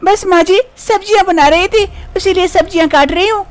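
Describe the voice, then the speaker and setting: A very high, girlish voice plays a worried young wife, acted by a woman. She pleads and frets in this animated story. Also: brisk, dry recording. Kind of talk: storybook voice acting.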